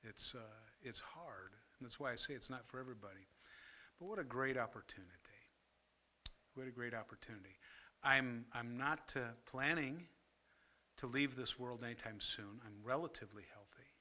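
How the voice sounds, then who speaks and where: An older man, a pastor and former fire chaplain, telling an earnest story at a church workshop, pausing often and growing emotional at times. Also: medium pitch, pushed and bright. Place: church meeting room.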